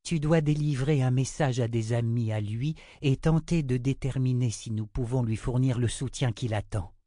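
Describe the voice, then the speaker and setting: A man reading the part of a gentle mother who calmly reassures her young daughter. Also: mid-range voice, normal speed, dry recording, studio quality, natural voice. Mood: soothing. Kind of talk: audiobook character reading.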